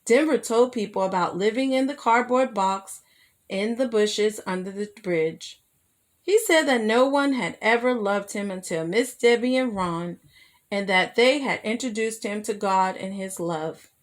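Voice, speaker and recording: With a medium-pitched voice and a slightly slow pace, a woman tells a children's story aloud, her expressive storytelling meant to hold the attention of young listeners.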